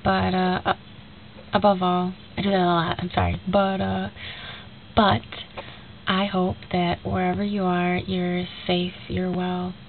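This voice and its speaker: A young woman talks a little slowly in a fairly low, creaky voice with completely flat delivery, stuffy and nasal from a cold. Her rambling, casual video message to a friend retells a conversation full of fillers, and the tinny lo-fi recording has a faint hiss.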